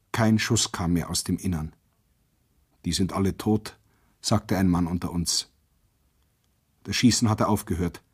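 A man reading a first-person literary account aloud, grave and intense, rising sharply at the quoted shouts. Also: fairly low pitch, husky. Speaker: narrator.

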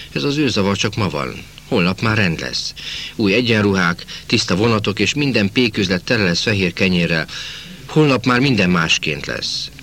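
A man narrates a novel in the first person with a measured, dramatic delivery. His voice is deep and sits low, with a forceful, slightly sharp tone. A faint hum lies under the reading. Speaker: audiobook narrator.

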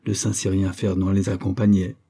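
A male audiobook narrator reading a novel in a measured, expressive way. His voice is low and dark, with a husky grain. The reading stays steady and scripted.

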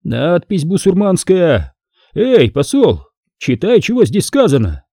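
A man voicing a calm, shrewd old male churchman who speaks with mild mockery in a storybook reading. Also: high-pitched, a little slow, breathy edge, dry recording, clean studio sound, pitched above the performer's own voice, exaggerated voice. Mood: calm mocking. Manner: calm, mildly mocking.

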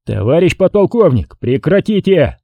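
A man's voice: a little high, very animated, normal speed, mellow, breathy edge, no room sound, pitched above the performer's own voice. A man doing a nervous, officious patrol major. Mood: stern. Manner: curt official commands.

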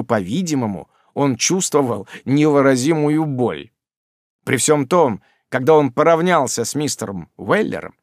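A man reading a classic novel aloud, telling it in an expressive, measured way. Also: medium pitch, no echo, clean studio sound. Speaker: audiobook reader.

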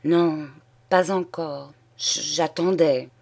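Timid young wife, read by a woman, low, soft, halting, for a storybook reading. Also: steady tone, creaky, full character voice. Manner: murmured, hesitant. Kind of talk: audiobook character voice.

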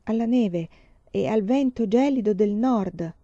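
A woman reading aloud voices a playful, dreamy young woman who is slightly tipsy, with light, breathy and eager speech. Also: mid-range voice, measured pace, dark tone, no room sound, pitched above the performer's own voice, close to an everyday voice. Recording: dull lo-fi, dry.

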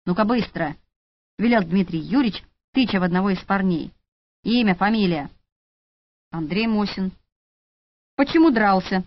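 A woman's voice: mid-range voice, animated, moderate pace, long pauses, no room sound, natural voice. A woman voicing a tired middle-aged male police officer who barks orders and grumbles in exasperation. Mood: barking. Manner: barking, exasperated. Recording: lo-fi audiobook recording.

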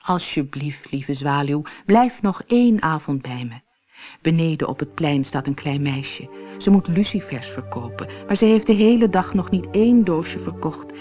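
A woman voicing a gentle sorrowful prince. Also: deep voice, expressive, normal speed, soft background music. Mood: pleading. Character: kind statue prince, gentle and sorrowful man.

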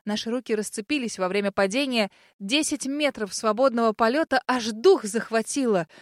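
A woman narrating a first-person fantasy audiobook in a lively, expressive manner. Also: on the high side, moderate pace, no echo, studio quality.

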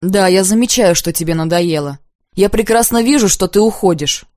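A woman's voice: medium pitch, normal speed, a little mellow, no echo, clean studio sound, lightly acted. A woman voicing a jealous young husband who speaks in a pleading, reproachful way.

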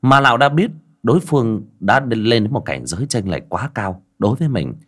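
A man's voice: medium pitch, expressive, fairly quick, fairly bright tone, husky. A man narrating an audiobook, addressing listeners directly in a conversational way.

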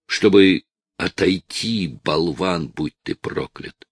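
A man voicing a desperate, tearful eighteen-year-old male addict who shouts and pleads with his father, in a dry, close recording. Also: deep voice, slow, husky, no echo, exaggerated voice. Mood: agitated.

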